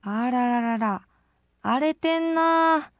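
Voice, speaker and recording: A woman's voice: sits high, slow. An actress voicing a blunt, teasing young idol girl in a dating game, speaking with a Kansai accent.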